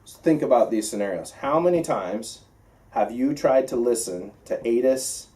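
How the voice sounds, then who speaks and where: Expressive and mellow, this American man's mid-range voice moves at normal speed as he lectures pilots informally. Working as a flight instructor, he emphasizes key points and keeps asking check-in questions, and a distant mic picks him up.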